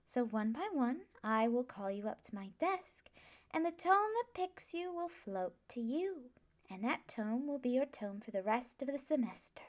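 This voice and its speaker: A woman takes on the role of a gentle, scholarly magic teacher in an ASMR roleplay, calmly instructing her class with patient, measured reassurance. Her voice is a little high and swings widely in pitch.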